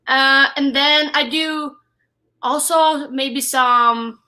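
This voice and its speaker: A young woman with a Swedish accent speaks in a bright, somewhat high voice. She is a drummer in a casual live-stream interview, and her talk halts often on fillers and restarts. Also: steady tone, faint music behind. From Sweden. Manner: halting, many fillers and restarts. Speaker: guest drummer. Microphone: wireless headphones.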